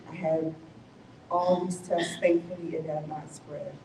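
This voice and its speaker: A woman speaks slowly and reflectively, sharing her own survival story at a community forum. Her voice is low and mellow. It sounds a little distant, in an echoey room with a faint rumble behind it. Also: flat delivery. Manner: slow, reflective storytelling with self-corrections. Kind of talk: personal testimony at a forum.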